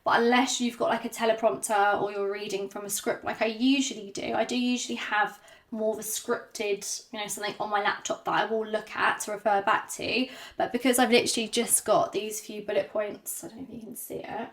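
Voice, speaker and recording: A woman vlogging to camera without a script, hesitant and self-conscious, with many ums and pauses, and slightly out of breath. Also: medium pitch, fairly even intonation. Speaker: YouTuber. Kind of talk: unscripted talk to camera.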